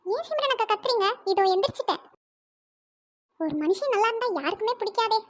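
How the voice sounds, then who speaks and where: A woman's voice: very high-pitched, animated, fairly quick. A woman voicing a cheeky, chatty young woman neighbour in a cartoon, teasing and giggly. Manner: teasing, giggly, sing-song.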